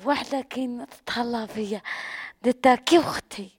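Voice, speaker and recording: Algerian woman, kinda high husky voice, short hesitant answers. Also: fairly quick, darkish tone. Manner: hesitant, short replies, often asks to repeat. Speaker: interviewee, hospital patient. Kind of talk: halting answers in an interview.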